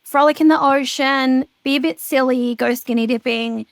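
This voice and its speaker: A woman in her thirties, a podcast guest, chatting casually and telling animated stories with plenty of swearing. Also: high voice, moderate pace, vocal fry, no echo. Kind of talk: casual chat.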